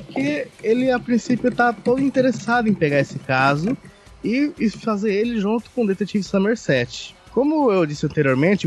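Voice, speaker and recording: A man co-hosting a casual film chat, summarizing the story in a halting, explanatory way. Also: a little high. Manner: halting, explanatory, restarts often. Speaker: podcast co-host.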